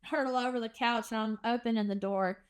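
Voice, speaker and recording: A young woman, a guest on a podcast, telling a lively story and acting out quotes. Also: fairly quick, clean tone. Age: young adult. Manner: animated, acts out quotes with big pitch jumps. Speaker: guest, foster parent.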